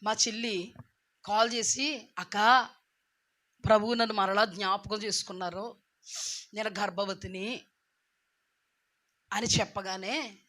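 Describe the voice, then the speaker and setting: A middle-aged woman giving a church testimony, moving from soft, tearful telling to loud, fervent preaching. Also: medium pitch, fairly even intonation, slow pace, pauses often. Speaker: testimony speaker.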